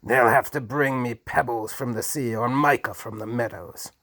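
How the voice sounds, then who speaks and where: A man voicing a cruel, cold old duke villain who snarls, rasps and screams. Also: medium pitch, fairly even intonation, normal speed, sharp tone, no echo. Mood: screaming rage.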